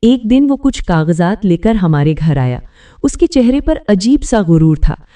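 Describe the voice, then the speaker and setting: A woman narrating in first person as a grieving mother, telling of her family's ruin in slow, sorrowful storytelling. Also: mid-range voice, big pitch swings, warm tone, recorded from a distance.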